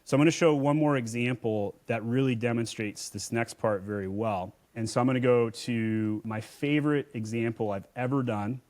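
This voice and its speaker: A man's voice: medium pitch, normal speed, hardly any pauses, a little mellow. A man, an Amazon seller and agency owner, speaking as a guest in a casual podcast conversation in a blunt, emphatic way.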